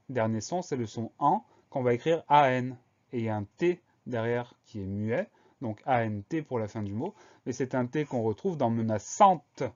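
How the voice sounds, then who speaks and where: Man slowly spelling words out. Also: medium pitch, a little mellow, highs cut off. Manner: slow, deliberate spelling out of letters. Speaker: teacher. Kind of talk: spelling lesson narration.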